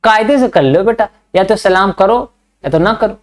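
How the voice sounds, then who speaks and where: With lively intonation and a high pitch, a male teacher reads English lines slowly and explains them in casual Hindi. It's a Hindi-medium English lesson, peppered with fatherly, scolding remarks to his students.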